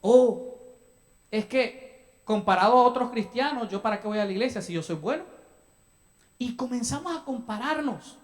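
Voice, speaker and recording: A man's voice: very high voice, animated, normal speed, long pauses. A young man from El Salvador preaching a sermon as a pastor in a church, talking to the congregation with questions and acted-out asides. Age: young adult. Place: church sanctuary.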